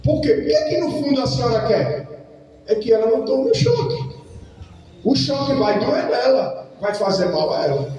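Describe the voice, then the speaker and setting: A man's voice: very high-pitched, moderate pace. Man preaching in an echoey hall. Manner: animated preaching, swings between shouts and quiet asides. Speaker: pastor. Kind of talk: sermon. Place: church hall. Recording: echoey hall, distant mic, faint music.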